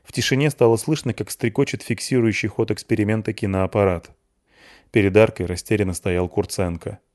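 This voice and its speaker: Low-voiced male audiobook narrator. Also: steady tone, fairly quick, a little mellow.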